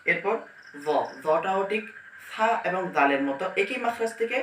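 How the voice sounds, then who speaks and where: A man teaching pronunciation step by step, demonstrating each letter slowly and carefully. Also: high voice, animated, a bit bright, recorded from a distance, slight background noise. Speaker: Quran teacher. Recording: echoey room, mic set back.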